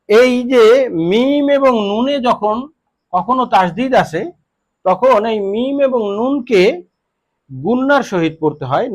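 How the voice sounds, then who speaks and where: A man teaching Quran reading, slowly spelling out letters and repeating each syllable three times in a measured sing-song. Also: high-pitched. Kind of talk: slow drilled recitation lesson.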